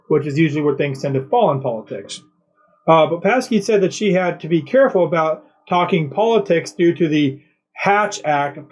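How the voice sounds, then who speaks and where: A man's voice: a little high, darkish tone, rough recording. A man hosting a commentary show, rambling and sarcastic, with many fillers and restarts. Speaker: host. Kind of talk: mocking political commentary.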